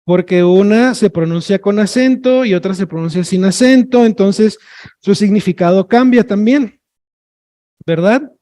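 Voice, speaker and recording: A man's voice: high-pitched, unhurried, dark tone. A man giving a workshop lecture as a sign language trainer, chatty and joking, often checking in with "ok?" and "no?". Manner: chatty, checks in with tag questions, jokes with the audience.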